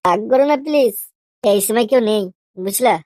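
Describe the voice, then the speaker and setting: A woman's voice: a little high, moderate pace, warm tone, dry recording, close to an everyday voice. A woman voicing a crude, pushy cartoon boyfriend. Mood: coaxing. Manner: coarse slang, wheedling and teasing. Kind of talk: cartoon comedy dubbing.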